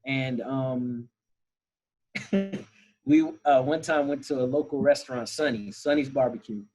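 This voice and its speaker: A man talking as a guest in a casual conversation, relaxed, telling stories and laughing easily. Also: medium pitch, measured pace, low-quality recording.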